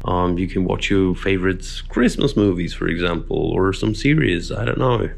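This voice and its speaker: A man in his thirties filming a casual travel vlog, chatty and relaxed, with self-deprecating asides, recorded on a handheld camera mic. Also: deep voice, moderate pace, creaky. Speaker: travel vlogger. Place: indoors in a hostel, then outdoors in snowy streets and on a bus.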